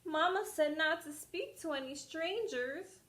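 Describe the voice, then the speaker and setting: Casting: woman as innocent little girl in a storybook, high-pitched, polite and timid, slow delivery. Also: a bit bright, reverberant, slight background noise. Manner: polite, wide-eyed. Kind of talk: storybook read-aloud character voice.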